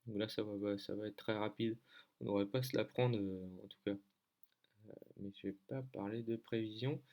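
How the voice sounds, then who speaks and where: A man's voice: lowish voice, steady tone, normal speed, mellow. A man from France giving a casual screen-share lesson on weather maps, hesitant, with many fillers as he thinks aloud. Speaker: weather-map tutor.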